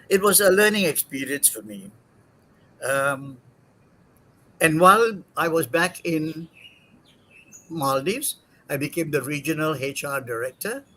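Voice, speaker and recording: An older man from Singapore speaks as an interview guest, his voice sitting somewhat high for a man. He talks haltingly, filling pauses and going back to correct himself as he recalls his career. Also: sharp tone, poor audio. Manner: halting, many fillers and self-corrections.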